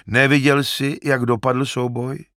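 A man's voice: medium pitch, little pitch movement, a bit bright, no echo, clean studio sound, voice pushed up, lightly acted. A man voicing a modest, weary young male warrior in an audiobook, earnest and subdued. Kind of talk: audiobook character reading.

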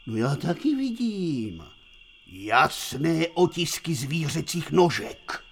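A man's voice: a little high, very animated, creaky, slightly rough, exaggerated voice. A man voicing an eager, insistent know-it-all kid in a puppet radio play.

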